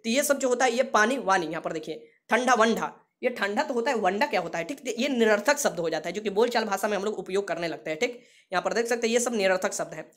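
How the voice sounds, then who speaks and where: Brisk woman teaching grammar. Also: mid-range voice. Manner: repeats key terms and asks the class questions; drops English words into the explanation. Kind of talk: exam-prep grammar lesson.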